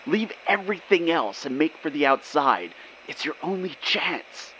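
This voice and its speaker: A man's voice: on the high side, very animated, unhurried, pushed and bright, exaggerated voice. A man playing a terrified caller whispering from a crypt. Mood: frantic. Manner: shaky, desperate, dropping to whispers. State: hoarse with fear. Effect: telephone line. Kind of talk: radio drama acting. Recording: noisy telephone-line sound.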